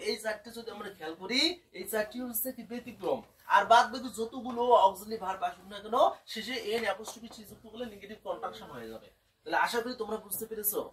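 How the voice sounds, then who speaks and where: Fast quizzing male grammar teacher. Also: sits high, a bit bright. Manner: quizzing students with rhetorical questions, spelling words out. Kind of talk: classroom lesson in Bengali. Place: classroom with whiteboard. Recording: voice from far off the mic.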